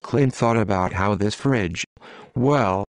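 A man reading an audiobook aloud in a deadpan, matter-of-fact way. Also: lowish voice, takes it slowly, no echo. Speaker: audiobook narrator. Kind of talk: scripted audiobook narration.

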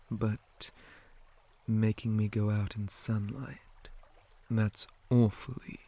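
A fairly low-pitched man gives voice to a menacing male spider monster with a possessive streak, as part of an ASMR roleplay. He often whispers, breathing audibly, and taunts softly in slow, formal phrasing, calm yet menacing throughout.

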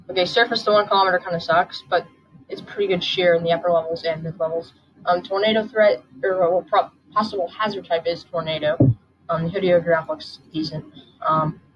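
Fairly low-pitched and just woken up with a sore throat, a woman hosts a casual weather forecast for her channel, thinking aloud as she goes. The dull lo-fi recording has soft background music and slight background noise.

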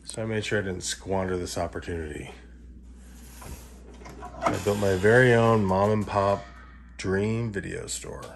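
A middle-aged man from Los Angeles narrating a tour of the video store he built at home, in a relaxed, wry, matter-of-fact way. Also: low-pitched, measured pace, gravelly, pauses often, slight background noise. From Los Angeles, California.

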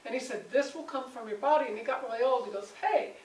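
A woman leading a conversational Bible study with a small group, animated and acting out the voices she quotes. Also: a little high, fast. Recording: roomy, distant mic, faint background noise.

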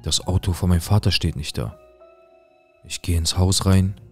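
A man narrating a dramatic first-person story, mostly low and hushed, with agitated quoted outbursts. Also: steady tone, moderate pace, slightly rough, soft background music. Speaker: storyteller recounting a viewer's story.

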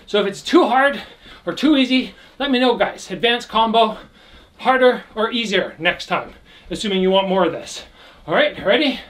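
In a small indoor room with trophy shelves, a young male kickboxing instructor energetically shouts out combinations while demonstrating them during a workout. His voice sits high and his pace is moderate.

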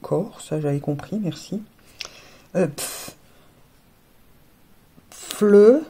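Casual woman vlogger, low-pitched and warm, trips over words, faint noise. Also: normal speed. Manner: chatty, stumbles and repeats words. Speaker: beauty vlogger. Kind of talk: casual chat unboxing advent calendars.

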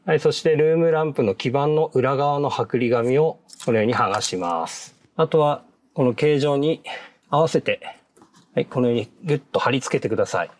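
A man of ordinary pitch walks through an installation one step at a time. He talks in a polite, measured way and marks each step with a short "hai". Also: lively intonation. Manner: polite, measured, repeats "hai" between steps. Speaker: product installation instructor. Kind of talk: step-by-step how-to narration.

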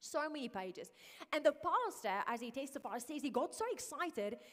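Woman preacher, earnest, fairly high voice, long hall reverb. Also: animated, moderate pace. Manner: earnest, drops to hushed whispers. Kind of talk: sermon. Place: church hall.

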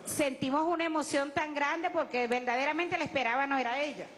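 A woman's voice: sits high, a little fast, slight background noise. A woman, a studio guest eagerly recounting an event with vivid sound effects. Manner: excited, vivid storyteller using sound effects.

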